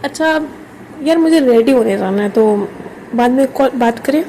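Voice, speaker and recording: A woman's voice: fairly high pitch, expressive, moderate pace, warm tone, slight background noise, low-quality recording. Raya, a woman doing a curt, reserved girl. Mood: exasperated. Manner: curt, mildly exasperated.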